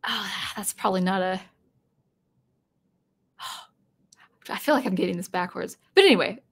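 A woman's voice: medium pitch, expressive, measured pace, slightly rough. A tired woman chatting casually on a live stream, reading chat and rambling through thoughts with many restarts. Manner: rambling, self-interrupting, chuckling.

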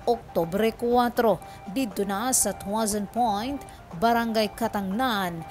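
A woman's voice: medium pitch, a little slow, a little mellow, soft background music. A woman reporting the news in a formal broadcast delivery.

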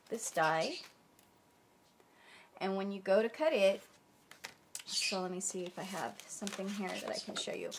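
There's slight background noise as a woman with a medium-pitched voice demonstrates a craft step by step at her table. She runs a crafting channel and is chatty and friendly in this casual tutorial. Stuffy from a cold and under the weather, she occasionally gropes for words.

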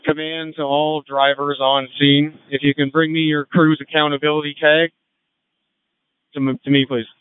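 A man speaking as a fire incident commander over two-way radio, giving brisk procedural orders in urgent firefighter radio traffic. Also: fairly high pitch, flat delivery, smooth, dry recording. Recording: tinny narrow-band two-way radio.

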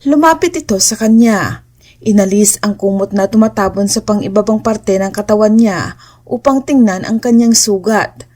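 A woman narrating an audio romance story in an even, measured storytelling manner. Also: mid-range voice.

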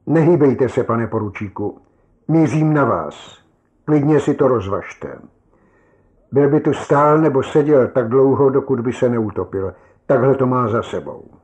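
A man's voice: medium pitch, expressive, a little mellow, lightly acted. A man playing a weary, grim soldier. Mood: hard, resigned. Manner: blunt, resigned, bitterly wry. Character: weary, grim male soldier stranded in the rain.

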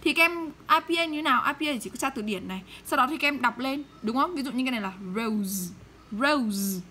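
A woman teaching English pronunciation in Vietnamese, modeling English words slowly and checking often with her students. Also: high voice, expressive, sharp tone, a little hiss or hum. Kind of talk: pronunciation lesson.

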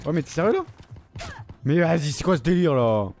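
A man giving excitable, slang-heavy commentary over his own gameplay, swearing often. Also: fairly high pitch, fairly quick, background noise. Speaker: gaming video creator.

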